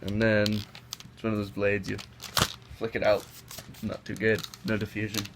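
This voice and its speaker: Sick and sniffly, a young toy reviewer speaks in a low, gravelly monotone at a moderate pace. He rambles chattily with self-corrections during a casual hands-on product comparison at an indoor table. A camera mic off-screen above the table records the noisy home audio.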